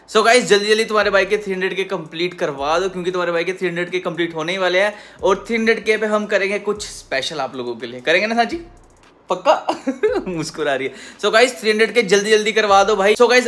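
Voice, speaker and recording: Chatty young man vlogging, high voice. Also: fairly bright tone. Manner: chatty, teasing, addresses viewers directly. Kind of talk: casual vlog chat.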